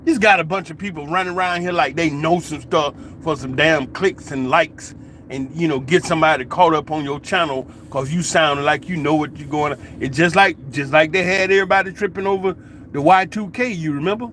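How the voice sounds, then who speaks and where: A man's voice: a little high, fairly quick, slight background noise. A man vlogging a casual opinion monologue, telling stories animatedly in colloquial speech. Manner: animated storytelling, colloquial, laughing asides.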